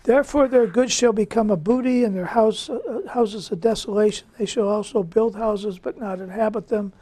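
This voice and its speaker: A woman with a dark, mellow voice leads a Bible study. She reads scripture aloud and then explains it in an easy, conversational way, often pausing on fillers. Her pitch is in the middle for a woman. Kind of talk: informal Bible study teaching.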